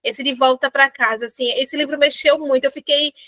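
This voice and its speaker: A middle-aged woman, a parent educator hosting a book club, talking in an animated, reflective way with many fillers. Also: high-pitched, fairly quick, no echo. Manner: animated, uses fillers like "né" and "assim", reads quotes aloud. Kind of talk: casual reflective talk with read-aloud passages.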